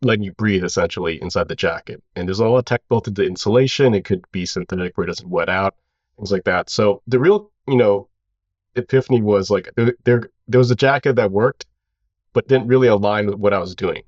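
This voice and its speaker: Low-voiced man telling his story. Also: fairly quick, no echo, lo-fi sound. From Hawaii. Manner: relaxed and rambling, with many "you know" fillers. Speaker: founder of a clothing brand, guest. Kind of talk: casual interview storytelling.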